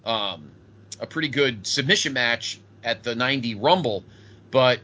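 A man's voice: mid-range voice, unhurried, muffled recording. A man talking casually and enthusiastically as a podcast host about retro wrestling, like an avid fan who swears freely. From northeastern United States. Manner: animated, profane, enthusiastic fan talk.

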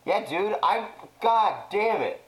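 A woman's voice: mid-range voice, sing-song. A woman co-hosting a casual podcast, joking and swearing, and her voice sounds tinny, like it is inside a tin can, because it was recorded on a camera microphone. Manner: laid-back, swearing, quick joking reactions. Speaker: podcast co-host. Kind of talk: casual chat. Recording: tinny camera-mic sound, slightly distant.

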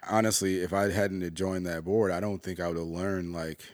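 A man hosting a casual interview, speaking in an animated way and often repeating words as he gets a sentence going. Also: sits low, normal speed, no echo. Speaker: interview host.

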